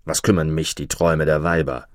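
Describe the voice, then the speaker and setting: A man's voice: rumbling low, flat delivery, fairly quick, no echo, studio quality. A man voicing a domineering, stubborn prince in a fairy tale. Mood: imperious. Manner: imperious, gruff.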